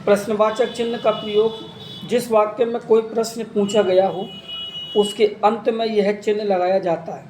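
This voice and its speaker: A man's voice: high voice, flat delivery, normal speed, a little mellow, slight background noise. A man teaching an exam-prep grammar lesson, listing terms and examples one by one. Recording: echoey room with faint ambience.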